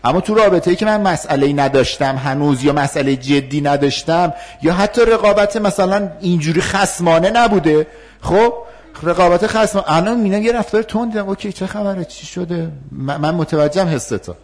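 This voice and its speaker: A man teaching a communication workshop, talking in a lively, questioning way with many fillers. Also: high-pitched. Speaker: workshop trainer. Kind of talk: interactive communication lesson.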